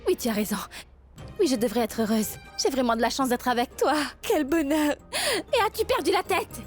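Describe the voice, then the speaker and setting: A woman's voice: high-pitched, animated, moderate pace, soft background music. An actress dubbing a frustrated young female doctor in a French series, scolding and exasperated. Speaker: dubbed character.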